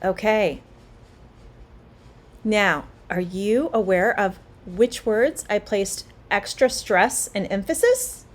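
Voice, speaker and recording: A middle-aged woman teaching a spoken English lesson, slow, clear and encouraging. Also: mid-range voice.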